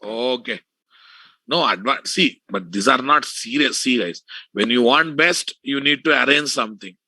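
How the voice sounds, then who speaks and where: Male tech tutor, Telugu accent, bright cutting tone, dry sound, informal lecturing with repeated points and frequent check-ins. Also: medium pitch, moderate pace, no room sound. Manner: repetitive, checking often for understanding. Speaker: software instructor teaching an online class.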